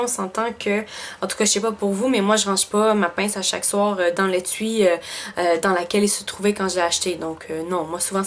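A woman with a Quebec French accent chatting casually through a beauty box unboxing, thinking aloud with lots of fillers. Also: mid-range voice. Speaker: beauty vlogger.

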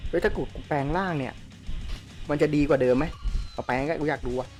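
A man giving casual gameplay commentary as a channel host, excitable and crude, often yelling at the game characters as they fight. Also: a little high, fairly quick, soft background music.

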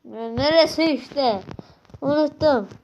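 Excitable woman narrating a game, slow-paced. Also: high voice, highs cut off, slight background noise. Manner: excitable, talking to herself, sudden exclamations; frequent slang and restarts. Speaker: gaming channel host. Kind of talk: casual gameplay commentary.

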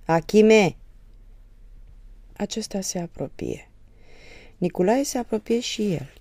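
A woman with a low, gravelly voice reads an audiobook in a measured, storytelling way. Her tone is dark and mellow, and the recording is dry and close. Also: no echo. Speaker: audiobook narrator. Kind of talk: scripted audiobook narration.

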